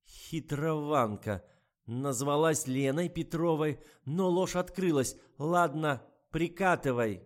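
Man voicing a shrill, bullying old blackmailer woman. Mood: shrill accusing. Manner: shouting, accusing, drawn-out. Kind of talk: audiobook reading.

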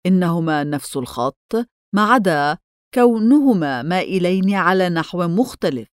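A woman's voice: fairly low pitch, lively intonation, normal speed, smooth, dry recording, clean studio sound, lightly acted. A woman reading the lines of a polite, deferential male head clerk who studies handwriting, in a storybook. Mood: respectful. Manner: polite, respectful.

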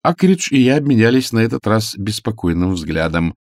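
A man narrating a humorous story as an audiobook, reading in an expressive literary manner. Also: on the low side, moderate pace, no echo, studio quality.

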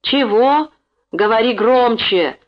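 A gruff, half-deaf old fisherman who barks his words and eyes strangers with suspicion, as a woman narrator puts him on. He talks in a raised, shouting voice. The recording has a dull, lo-fi sound. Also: medium pitch, expressive, measured pace, lightly acted.

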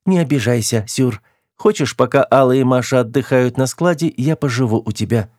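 Male reader as calm female android who reports facts flatly; higher than his own voice, dry. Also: fairly quick, no room sound, natural voice. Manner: level, matter-of-fact reporting. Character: female android crew member, calm and truthful.

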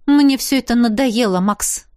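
A woman voicing a fiery young heroine who is quick to anger, talking sharply and sarcastically. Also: on the high side, a little mellow, clear, resonant tone, natural voice. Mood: exasperated.

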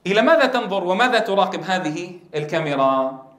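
Man, Quran recitation teacher, fairly high voice, quizzes the class and sounds out letters loudly, echoey room. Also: sing-song, quick pace. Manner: drills letter sounds aloud, asks the class questions; loud stressed demonstrations of letters. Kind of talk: tajweed lesson to trainee teachers.

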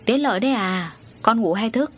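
A woman playing a gruff old father. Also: on the high side, animated, brisk, a bit bright, a little hiss or hum.

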